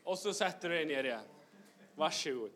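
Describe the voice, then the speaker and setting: A bright-toned man preaching in a church, lively and full of jokes. His voice sits high and sounds forceful, and he slips English phrases into his sermon. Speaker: youth pastor. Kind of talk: humorous sermon. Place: church hall.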